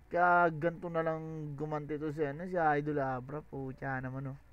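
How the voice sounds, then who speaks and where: A man hosting a music reaction video, talking casually, exclaiming and cursing, then musing in halting, restarting sentences. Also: on the high side, clean tone, dull audio. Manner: excitable, exclaiming and swearing, then hesitant and halting when musing.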